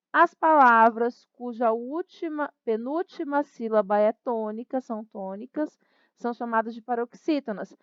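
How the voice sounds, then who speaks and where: A woman teacher explaining a lesson in a cheerful way, spelling out syllables slowly. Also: fairly high pitch, clean tone, dry recording, dull audio. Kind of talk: recorded class explanation.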